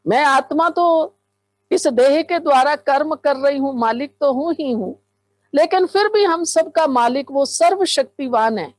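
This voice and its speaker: A woman spiritual teacher guides a meditation in a fervent, exclamatory way, turning often to her listeners. Her voice sits high and she takes her time over every phrase. The recording is dry and close, with no room sound. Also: expressive, a little slow, no room sound.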